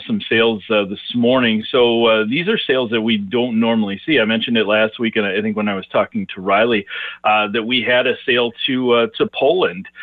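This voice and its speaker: Man on the phone, market analyst, halting delivery full of "uh"s, thin phone-line sound, dry. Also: on the low side, no room sound. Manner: hesitant, many "uh" fillers and restarts. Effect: heard over a phone line. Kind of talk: casual radio interview answers. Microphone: telephone.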